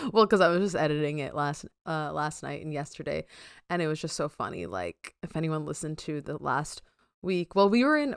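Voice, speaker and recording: A woman's voice: deep voice, clean tone, dry recording, clean studio sound. A young woman co-hosting a podcast, chatting casually and rambling with lots of fillers and giggles. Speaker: podcast co-host. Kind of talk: casual chat.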